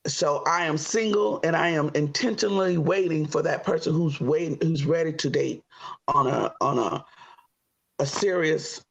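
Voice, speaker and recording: A woman in her fifties from Florida introducing herself on a dating show, chatty, pausing often on "um" and quick to laugh. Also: low voice, gravelly. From Florida, USA. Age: 50s. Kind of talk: casual self-introduction. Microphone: computer on a video call.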